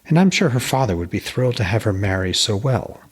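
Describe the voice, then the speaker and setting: A man's voice: lowish voice, animated, fairly quick, husky. A man voicing a hearty, deferential and inquisitive smith in a dramatised reading of a myth tale. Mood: prying, polite. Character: hearty, respectful, eager male smith, a family man.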